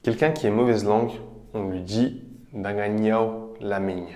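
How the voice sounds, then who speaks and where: A man teaching vocabulary, explaining each example patiently and repeating phrases slowly. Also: fairly low pitch, steady tone, mellow. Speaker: language teacher. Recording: roomy echo.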